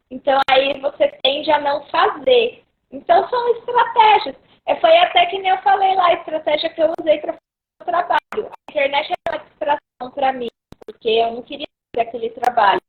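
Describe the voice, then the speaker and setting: A woman's voice: sits high, phone-quality sound. A woman giving advice over a video call whose audio keeps cutting out and breaking up. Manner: conversational, explains with everyday examples. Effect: choppy, cutting-out online call audio. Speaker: co-host giving tips. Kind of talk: casual live-stream advice talk.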